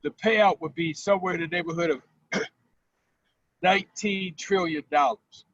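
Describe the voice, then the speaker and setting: A man's voice: high-pitched, normal speed, a bit bright, no room sound. A man calling in to a talk show on speakerphone while driving, laying out facts and repeating key figures. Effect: car speakerphone call. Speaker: caller. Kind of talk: call-in explanation on a talk show. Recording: muffled phone line from a car.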